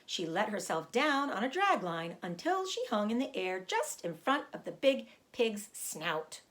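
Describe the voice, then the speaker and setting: A woman teacher reading a children's book aloud, gently stopping to explain words for young listeners. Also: mid-range voice, sing-song, measured pace.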